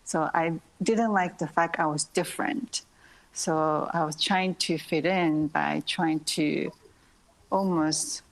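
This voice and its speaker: A soft-spoken Japanese-born ballet dancer in her thirties answers interview questions in English, her second language, pausing often and laughing lightly. Her voice is low with vocal fry, and the recording is rough.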